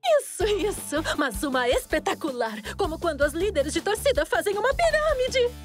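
A woman with a Brazilian accent voicing an excitable, bustling girl organiser in a cartoon, emphatic, commanding and theatrical. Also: extremely high pitch, normal speed, soft background music. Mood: excited bustling. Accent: Brazilian Portuguese. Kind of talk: animated cartoon dubbing.

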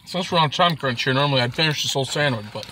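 Young man, talking while chewing, food review, casual and halting, traffic noise behind. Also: mid-range voice. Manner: relaxed, halting, thinking aloud.

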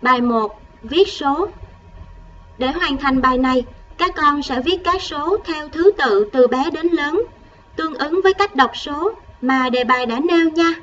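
A woman primary school teacher giving a recorded math lesson to first graders, counting patiently and gently coaxing the children along. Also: high voice, a little slow, far from the mic, muffled recording, slight background noise.

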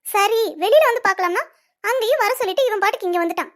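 A woman's voice: very high voice, expressive, very fast, fairly bright tone. A woman voicing a jealous, hot-tempered young woman in a cartoon serial, accusing and indignant.

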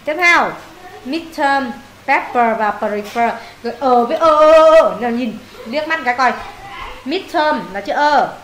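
Unhurried yet expressive, a high-pitched woman quizzes her pupil on English in a casual homework session, scolding and teasing him when he answers wrong. The echoey room has faint ambience and a little hiss or hum.

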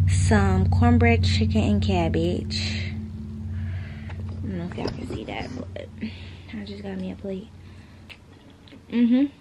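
A woman's voice: mid-range voice, heavy background noise. A young woman chatting casually to her viewers in a vlog, partly from her car, talking into a phone held at arm's length. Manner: chatty, playful, talks straight to viewers. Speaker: vlogger.

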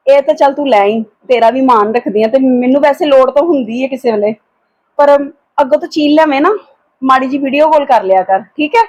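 A woman playing a soft-spoken elder sister-in-law. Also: high voice, brisk, muffled recording. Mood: gentle. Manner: soft-spoken and hesitant, trailing off. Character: elder sister-in-law, gentle, careful with money. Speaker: actor in a family skit. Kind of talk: amateur home drama acting.

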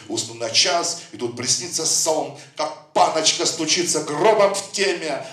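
At this poetry reading, the man's mid-range voice has a fairly bright tone as he recites rhythmically and tells loose anecdotes between poems. The recording comes from a distant mic in an echoey room.

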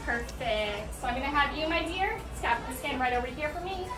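A woman's voice: high-pitched, lively intonation, moderate pace, recorded from a distance. A young woman working as a theme park attendant, giving guests a friendly briefing. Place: small themed booth. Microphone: handheld camera at some distance. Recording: echoey, off-mic, music behind.

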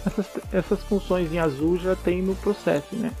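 Gravelly man teaching code. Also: sits high, moderate pace, soft background music. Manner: relaxed, explains step by step with frequent "né?" checks. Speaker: programming tutor. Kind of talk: casual screencast coding tutorial.

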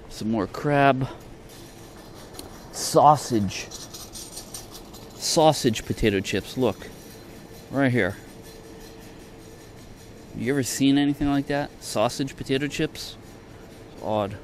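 A man with a mid-range voice talks slowly and pauses often while touring a large supermarket for his vlog. Hesitant and offhand, he trails off in fragments; he films on a handheld camera from behind it, with clear store noise.

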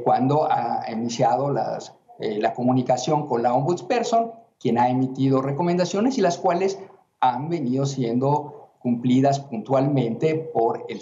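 A man's voice: mid-range voice, dark tone. Man answering formally over a dull, roomy line. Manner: measured, official tone with frequent hesitations. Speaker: interviewee, human rights commission president. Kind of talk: formal remote interview answers.

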